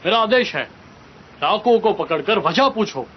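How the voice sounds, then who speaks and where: An actor dubbing an imperial lord who gives orders with authority. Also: male voice, high voice, animated, moderate pace, breathy edge. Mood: commanding. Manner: authoritative, commanding. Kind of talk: Hindi film dub. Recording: dull muffled distant film audio.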